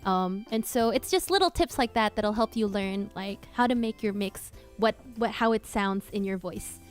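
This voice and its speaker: A woman's voice: mid-range voice, moderate pace, clear, resonant tone, soft background music. A woman cover singer chatting casually on a livestream Q&A, bubbly and giggly, often scattered and restarting.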